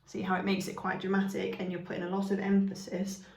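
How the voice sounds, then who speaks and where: A woman's voice: medium pitch, monotone, fast talker, darkish tone. A woman teaching a grammar lesson, explaining patiently and often checking in with "okay?". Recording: echoey room.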